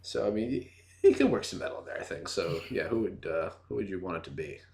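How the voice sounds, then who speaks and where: A man's voice: deep voice, lively intonation, fairly quick, vocal fry, a little mellow, a little hiss or hum. A man hosting a casual interview, chatty and easygoing, asking questions and laughing along with his guest. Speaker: interview host.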